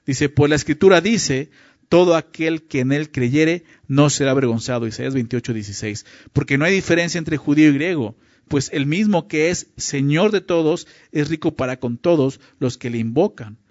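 A man's voice: on the high side, moderate pace, dry recording, muffled recording. A man giving a Bible teaching as a pastor, reading verses aloud and often checking in with the listener through rhetorical questions. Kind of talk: sermon teaching.

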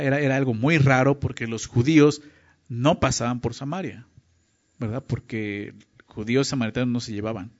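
A man preaching a teaching sermon, often checking in with his listeners with short questions. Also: medium pitch. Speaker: pastor. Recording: dull lo-fi recording.

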